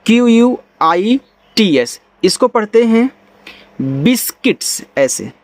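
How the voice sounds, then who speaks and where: Slow, high-voiced Indian English tutor. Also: male voice, big pitch swings. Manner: spells words letter by letter, then sounds them out slowly. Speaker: English teacher. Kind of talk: reading lesson in Hindi.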